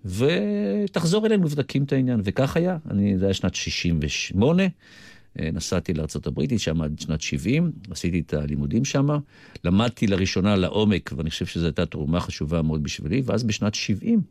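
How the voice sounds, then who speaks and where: An older man with an Israeli accent, telling his recollections deliberately, with asides, as a guest in a radio interview. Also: low voice, very animated, darkish tone, dry recording, studio quality. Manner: deliberate storyteller who digresses into asides. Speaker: interview guest, retired military intelligence officer.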